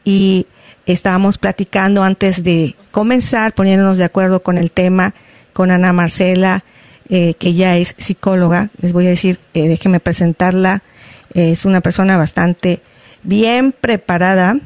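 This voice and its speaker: A woman leading a prayer and then hosting a faith-based interview in a measured, devout way. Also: mid-range voice, darkish tone, no echo.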